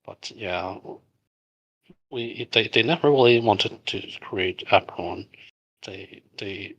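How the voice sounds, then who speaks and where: A middle-aged Hong Kong man, a native Cantonese speaker who founded a game studio, reads out and answers community questions in a casual AMA. His speech is loose and halting, full of fillers and restarts, in a slightly low voice that sounds bright and forward with a husky, somewhat rough edge. The recording is muffled.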